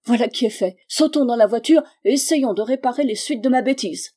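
A woman reading the lines of a sharp, brisk male detective in a clipped, decisive way. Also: mid-range voice, lightly acted. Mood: urgent.

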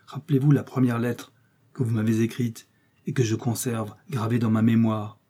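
A man's voice: mid-range voice, flat delivery, moderate pace, dark tone, slightly rough, natural voice. A man voicing a vain, boastful musketeer who speaks in a pompous, self-important manner, in a storybook reading. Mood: aggrieved.

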